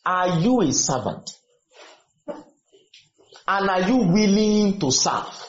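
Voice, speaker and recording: A man's voice: sits high, lively intonation, takes it slowly. A man preaching a sermon to students, firing questions at them and repeating his points. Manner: questioning, exhorting, repeats lines. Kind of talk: sermon with call and response. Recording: echoey room, dull lo-fi sound.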